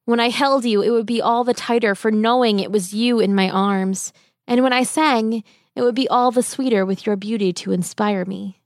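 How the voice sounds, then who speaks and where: A woman's voice: fairly high pitch, fairly even intonation, moderate pace, no room sound, lightly acted. An earnest young lover from a storybook, eager and pleading, as a woman reads him. The voice stays close and dry, only lightly shaped away from the reader's own. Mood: tender. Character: earnest young man in love.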